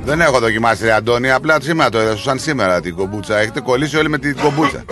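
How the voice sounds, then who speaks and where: A man's voice: mid-range voice, over music. A man co-hosting a radio show, reading listener messages and answering in dry, laid-back banter.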